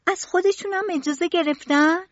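A woman's voice: extremely high pitch, no echo, pitched above the performer's own voice. A woman voicing a thoughtful, earnest young boy who asks curious questions. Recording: dull lo-fi recording.

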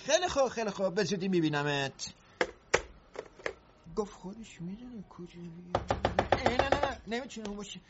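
A man voicing a jittery, hapless would-be burglar who snaps and shouts in a dubbed comedy. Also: high voice, lively intonation, muffled recording, heavy background noise. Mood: nervous.

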